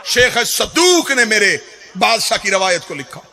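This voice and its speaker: A male preacher giving a sermon, chanting and shouting his lines with long drawn-out phrases. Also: sits high, very animated, vocal fry, very noisy. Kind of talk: Shia majlis sermon. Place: gathering hall before a crowd. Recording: loud crowd and music behind.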